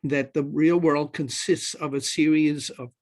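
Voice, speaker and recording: A man from Pakistan arguing a point in an academic panel talk over a video call, measured and lecturing. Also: a little high, steady tone, darkish tone. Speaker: panelist economist.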